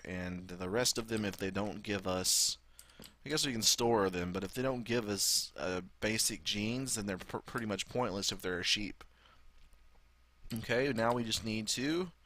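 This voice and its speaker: Man, Southern US drawl, slightly low and forceful voice, casual sweary game host thinking out loud. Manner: rambling, sweary, thinking aloud. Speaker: gaming video host. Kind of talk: casual gameplay commentary.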